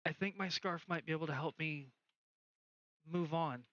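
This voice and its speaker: A man's voice: a little high, moderate pace, a bit bright, no room sound, dull audio, lightly acted. A man voicing a small lost ghost girl trapped in a book, talking hesitantly and stammering as she pleads for help. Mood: wistful.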